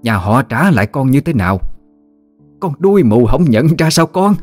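A fierce old grandmother, voiced by a male storyteller lashes out in a harsh, accusing tirade. Her pitch swings widely as she scolds, and soft music plays under the storybook reading. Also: big pitch swings, normal speed. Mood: scolding.

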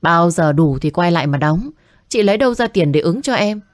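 A woman voicing a rude hospital cashier who scolds sarcastically and talks fast, recorded dry. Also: lowish voice, expressive, no room sound, natural voice. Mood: scornful.

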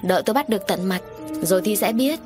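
Woman doing a wronged village wife, indignant, accusing, mid pitch, faint background music. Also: expressive, quick pace, natural voice. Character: angry wronged middle-aged village wife.

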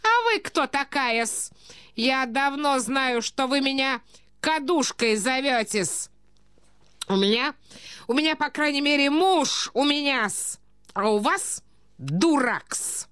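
Woman playing a shrill, quarrelsome provincial lady. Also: expressive, slow, dry recording, studio quality, full character voice. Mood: indignant. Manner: sharp, indignant, clipped "-с" endings.

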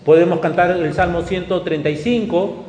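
A man preaching a sermon in a conversational, animated way, acting out the voices of people he quotes. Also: high voice, normal speed. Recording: echoey hall with faint room noise.

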